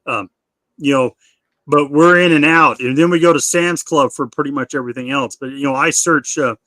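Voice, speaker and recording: A man's voice: a little high, moderate pace, pushed and bright, no echo. A middle-aged man hosting a live Q&A, chatting casually and often repeating or restarting his words. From United States. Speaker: live stream host.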